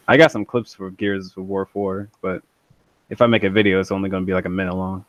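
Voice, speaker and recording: A young man who makes gaming videos, chatting casually as a podcast guest in a relaxed way. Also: low-pitched, brisk.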